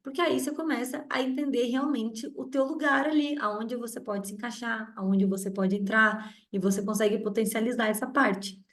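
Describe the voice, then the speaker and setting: A woman's voice: on the high side, normal speed, hardly any pauses. A woman in her thirties with a strong voice, chatting directly as she leads a group meeting. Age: 30s. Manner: chatty and direct, with many restarts and tag questions. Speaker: mentor leading a group meeting. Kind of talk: casual teaching talk. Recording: roomy echo.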